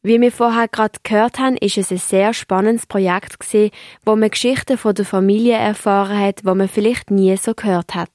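A woman's voice: mid-range voice, steady tone, brisk, darkish tone, dry recording, clean studio sound. A woman with a Swiss German accent presenting a radio program and introducing student stories. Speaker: radio host.

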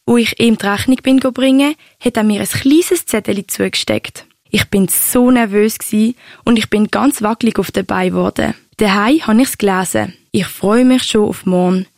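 A woman's voice: on the high side, a little mellow, no room sound, studio quality, natural voice. A woman voicing a fond, chatty grandmother who tells her story in a Swiss German accent. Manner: fond, storytelling, a bit bashful. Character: warm chatty Swiss grandmother recalling romance. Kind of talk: amateur audio drama.

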